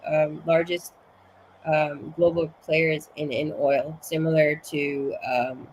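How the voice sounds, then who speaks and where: In a slow, low, darkish voice with little pitch movement, a woman from Suriname gives long explanations as a guest in a casual interview conversation. She keeps restarting and sounds slightly winded from illness, and the low-quality recording has a little hiss or hum.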